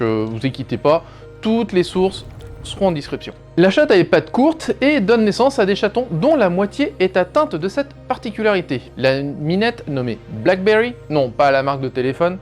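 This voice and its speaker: A man narrates an explainer video in a scripted style and keeps breaking off for sarcastic little jokes. His pitch swings widely and freely, and soft music plays quietly behind him. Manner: sarcastic, jokey asides. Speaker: YouTube host. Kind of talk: scripted informative commentary.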